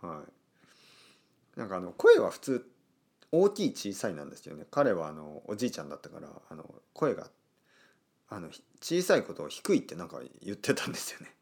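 A man hosting a casual solo podcast, talking slowly and clearly with many fillers. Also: low-pitched. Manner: animated, acts out quoted voices. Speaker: podcast host.

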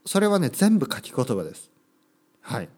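Lively male podcast host thinking aloud. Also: mid-range voice, normal speed, slightly rough. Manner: thinks aloud, adds frequent tag words to sentences; acts out short sample dialogues in a livelier voice. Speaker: podcast host for Japanese learners. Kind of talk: casual solo podcast monologue.

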